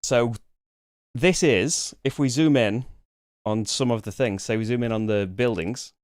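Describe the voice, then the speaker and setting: Male streamer, chatty, self-deprecating, smooth dry voice, mid pitch. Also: a little slow, dry recording. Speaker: board game streamer. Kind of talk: casual live-stream chat. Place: home room.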